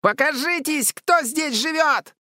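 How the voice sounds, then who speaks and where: A man voicing an excitable, boastful young boy who calls himself commander, loud and eager. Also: high-pitched, measured pace, dry recording, clean studio sound, voice pushed up, heavily acted. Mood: bold.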